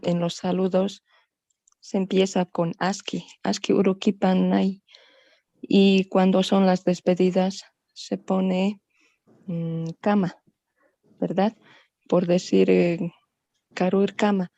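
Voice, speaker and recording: Slow, flat-voiced woman student on a call. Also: medium pitch, creaky, no echo, dull audio. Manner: hesitant, searching for words. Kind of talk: asking a question in class.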